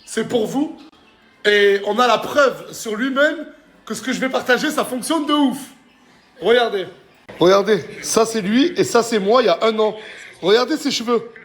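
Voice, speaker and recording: A man presents a casual vlog. He talks in excitable, familiar street slang, slipping easily between banter and product pitch. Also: normal speed. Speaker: vlogger and product promoter.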